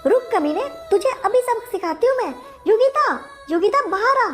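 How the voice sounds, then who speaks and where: A squeaky, nosy gossiping aunty. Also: male voice, animated, normal speed, faint music behind. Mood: accusing. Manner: accusing, meddling.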